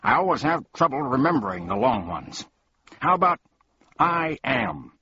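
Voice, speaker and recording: Un uomo che interpreta un minuscolo poliziotto feroce. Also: male voice, medium pitch, sing-song, normal speed, lo-fi sound, noisy background, pitched above the performer's own voice, close to an everyday voice. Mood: officious. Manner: barking, accusing, officious. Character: tiny fierce male policeman, pompous and accusing.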